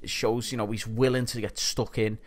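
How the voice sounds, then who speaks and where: A man's voice: fairly low pitch, flat delivery, a little fast. Man co-hosting a football podcast. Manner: conversational, asks his co-host questions. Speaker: podcast co-host. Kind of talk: casual football chat.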